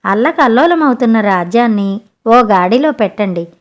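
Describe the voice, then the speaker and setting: Wise royal guru, calm and cunning, measured, storybook, woman reading the part, slightly high voice. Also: close to an everyday voice. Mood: composed.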